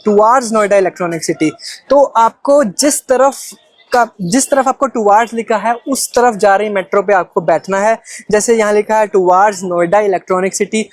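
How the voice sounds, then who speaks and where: A man's voice: sits high, dry recording. Indian male travel vlogger, dry close sound. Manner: instructional, mixes in English phrases. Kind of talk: step-by-step explanatory vlog narration.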